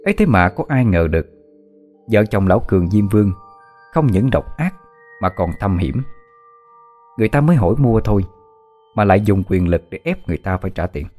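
Low-voiced male storyteller. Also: expressive, a little fast, long pauses, a little mellow, soft background music. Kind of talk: narrating a dark folk tale.

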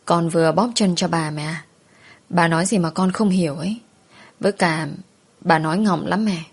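A woman's voice: on the low side, normal speed, breathy edge. A woman voicing a cheerful little girl who chats sweetly with her mother. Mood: sweet chatter.

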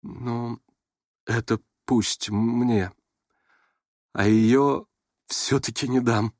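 A man voicing a meek young prince who speaks quietly and tremblingly. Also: sits high, big pitch swings, takes it slowly, husky, no room sound, studio quality, pitched above the performer's own voice, exaggerated voice. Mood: shaken, gentle. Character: gentle, shaken young prince.

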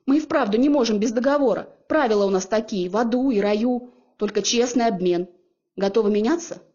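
A woman's voice: a little high, a little fast, dark tone, dull audio, lightly acted. A woman voicing a frightened male angel and demon who squeal and plead together in an audiobook.

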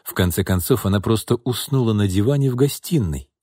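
Low-voiced man narrating an audiobook. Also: expressive, fairly quick, dark tone, slightly rough, dry recording, clean studio sound.

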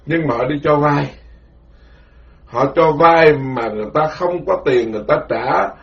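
Monk rambling thru a sermon, kinda high voice, muffled lo-fi sound. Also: male voice, normal speed, gravelly. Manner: rambling, animated storytelling with quoted voices. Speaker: Buddhist monk giving a dharma talk. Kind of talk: informal spoken sermon. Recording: dull lo-fi recording.

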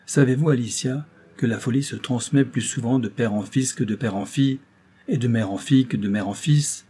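A man reading the part of a cold, secretive young noblewoman who speaks in a grave, measured tone. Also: medium pitch, warm tone, husky, lightly acted.

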